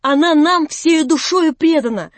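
Excitable young lover, high and gushing, read by a woman narrator for an audiobook. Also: brisk, no room sound. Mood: rapturous. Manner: breathless, rapturous, high-pitched pleading. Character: excitable, impulsive young man in love.

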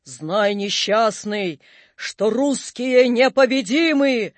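A man voicing a menacing ghostly Death figure in a sepulchral, slow, howling voice. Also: extremely high pitch, expressive, no room sound, exaggerated voice.

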